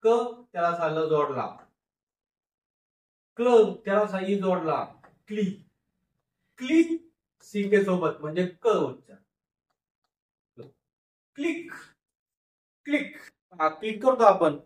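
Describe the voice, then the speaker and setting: A man teaching phonics, slowly sounding out words syllable by syllable and repeating each word. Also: high voice, animated. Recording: echoey room, voice a bit far from mic.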